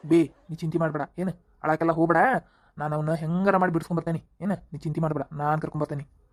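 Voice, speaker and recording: A woman's voice: deep voice, fairly even intonation, quick pace, natural voice. A brash young thief, the elder son in a village cartoon, voiced by a woman. He talks with a cocky swagger, forever calling his mother "bē". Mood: reassuring. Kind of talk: cartoon voice acting.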